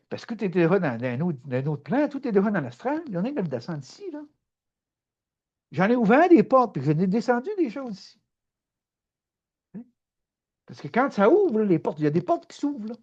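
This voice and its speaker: A middle-aged man with a Québécois French accent giving a spontaneous spiritual talk, animated and emphatic, often repeating himself. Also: fairly high pitch, breathy edge, dull audio. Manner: animated, repetitive, swings between loud emphatic and soft. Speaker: spiritual speaker.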